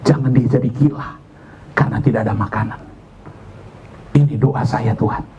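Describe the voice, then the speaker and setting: Preacher voicing a child praying earnestly. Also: male voice, medium pitch, steady tone, normal speed, dull audio, slight background noise, pitched below the performer's own voice, close to an everyday voice. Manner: earnest, hushed. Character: young child praying for father.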